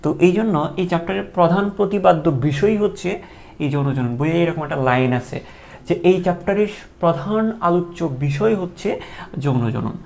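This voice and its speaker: Gravelly male teacher quizzing his class. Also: sits high, animated, fairly quick, a little mellow. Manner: chatty, asks questions and answers them himself. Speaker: biology teacher. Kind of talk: live online class lecture.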